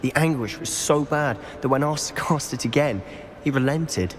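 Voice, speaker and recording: An actor playing a secretive, determined teenage wizard in a video game, speaking with hushed, deliberate emphasis. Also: male voice, medium pitch, lightly acted. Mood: grave, confiding. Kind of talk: video game dialogue acting. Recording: long reverb, noisy background.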